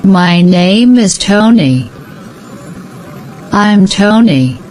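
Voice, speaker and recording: A woman giving slow, scripted answers in a repeated language-practice dialogue. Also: mid-range voice, animated, a little mellow, soft background music, rough recording.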